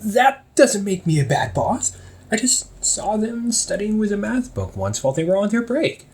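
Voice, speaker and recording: High-pitched and full of big pitch swings, this man's voice moves at a moderate pace. He casually portrays a chatty, teasing young older brother running a hobby shop, laughing frequently while talking one-sided to the listener in an audio roleplay.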